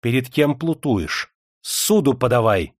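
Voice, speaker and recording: A harsh, domineering young heir played by a man snarls his threats loudly. The voice sits higher than his narration and stays hard and menacing. The recording is dry and close. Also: very animated, measured pace, no echo. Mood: furious.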